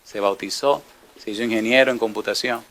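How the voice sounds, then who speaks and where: Man, middle-aged, pastor, sermon, animated storytelling, rhetorical questions. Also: lowish voice, fairly quick, slight background noise. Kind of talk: sermon with anecdotes.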